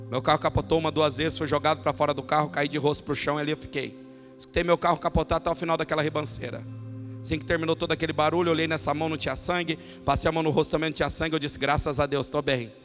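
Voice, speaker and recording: Male pastor, fairly high and sharp-toned, fervent sermon that swings from hushed to shouting. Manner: impassioned preaching that builds to shouting.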